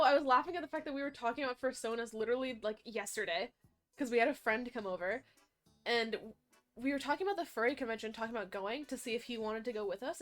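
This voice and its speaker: A young woman, chatting casually and rambling with her stream audience, animated and often correcting herself. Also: fairly high pitch.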